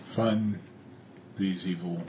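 Halting, low-voiced man at a game table. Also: steady tone. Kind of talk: casual table talk, partly in character. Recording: clearly noisy room.

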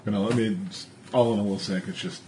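A man talking casually as a tabletop game player, partly in character, in halting phrases. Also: lowish voice, steady tone, darkish tone. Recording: clearly noisy room.

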